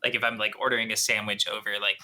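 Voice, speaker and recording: A man with a Minnesotan accent, a podcast guest chatting casually over a video call, talking haltingly with many restarts. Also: lowish voice, flat delivery, bright, forceful tone. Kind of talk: casual chat.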